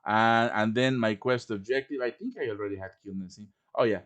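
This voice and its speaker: Fairly quick with a lowish, fairly bright voice, a man gives an unplanned software tutorial live over voice chat. He works through each step while thinking out loud in a casual way.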